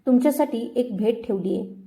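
A woman's voice: a little high, moderate pace, mellow, close to an everyday voice. A woman voicing a cold, vengeful young wife who speaks in a level, cutting tone.

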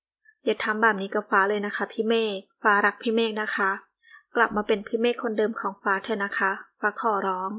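A woman's voice: mid-range voice, little pitch movement, fairly quick, lo-fi sound, natural voice. A woman voicing a devoted young woman who speaks sweetly and pleads tearfully and politely, in an audio novel. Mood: pleading.

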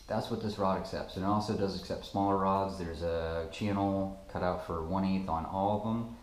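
A man's voice: sits low, a little mellow, a little hiss or hum. A young man casually demonstrating a tool he made, talking in a rambling, self-deprecating way with lots of fillers, recorded in a garage. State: sweating. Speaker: maker demonstrating his own tool. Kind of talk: casual product demo. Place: garage, indoors. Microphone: camera mounted close in front. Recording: echoey garage room.

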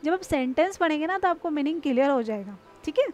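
A woman teaching English homophones in Hindi, who reads the example sentences slowly and asks her students to repeat after her. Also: high-pitched, animated, a little hiss or hum.

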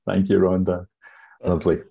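A man's voice: low voice, creaky, warm tone, muffled recording. A Scottish man hosting an online workshop on a video call, friendly and hesitant with fillers as he runs through housekeeping. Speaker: host. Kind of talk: webinar housekeeping.

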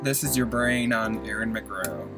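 Parked in a parking lot, a vlogger in his twenties delivers a goofy, mock-dramatic comic monologue, jumping between silly voices. His fairly low voice is unhurried, recorded on a laptop mic with music playing in the background.

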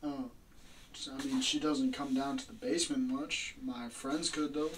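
A man's voice: mid-range voice, steady tone, moderate pace, lightly acted. A young man playing a defensive suspect under interrogation, insistent and slangy. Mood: uneasy. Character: defensive young male suspect living with mom. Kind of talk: amateur acted interrogation scene. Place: small room, camera across the room. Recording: distant mic, noisy room.

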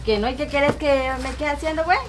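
A woman with a Guatemalan accent who argues back quickly and defensively. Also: sits high, background noise. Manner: quick, argumentative. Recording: distant with loud crowd. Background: loud crowd.

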